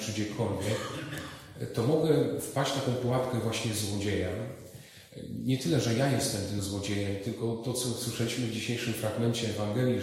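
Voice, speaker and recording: A priest delivers a sermon in a fairly low male voice, pausing often and repeating words as he gathers his thoughts. His words ring out through a large church with a long, echoing reverb. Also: a little mellow, slight background noise. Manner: halting, with many fillers and repeated words. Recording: echoey church hall.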